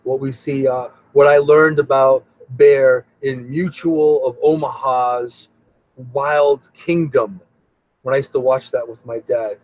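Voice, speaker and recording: A man's voice: medium pitch, a little mellow, dry recording, poor audio. A middle-aged man hosting a live show in a casual, rambling way, often repeating his words. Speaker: host. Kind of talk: casual live-stream talk.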